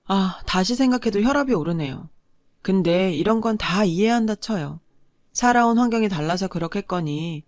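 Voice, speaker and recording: A woman's voice: medium pitch, no echo, clean studio sound. A woman narrating a radio drama in the first person, in an indignant, confiding way.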